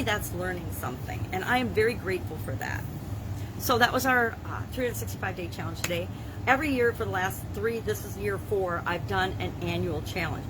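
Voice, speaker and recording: A woman's voice: mid-range voice, background noise. A woman in her sixties talking earnestly and reflectively in a casual daily video diary. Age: 60s. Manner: earnest, reflective, self-improvement talk. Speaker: vlogger.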